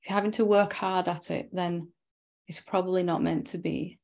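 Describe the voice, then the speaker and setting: A woman spiritual teacher in a satsang dialogue, reflective and gently probing, often closing her points with tag questions. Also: fairly low pitch, fairly even intonation, normal speed, vocal fry.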